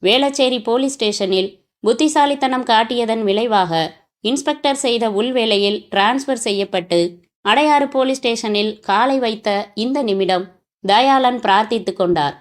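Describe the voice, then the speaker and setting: A woman narrating a crime novel in a steady storytelling manner. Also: on the high side, normal speed. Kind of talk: audiobook narration.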